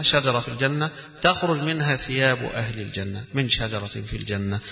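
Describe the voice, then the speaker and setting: Gravelly Egyptian religious teacher, echoey hall. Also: male voice, mid-range voice, bright, forceful tone. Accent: Egyptian Arabic. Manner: repeats phrases with emphatic, recited cadence. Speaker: Quran teacher. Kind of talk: religious lesson explaining Quran readings. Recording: echoey hall with faint music.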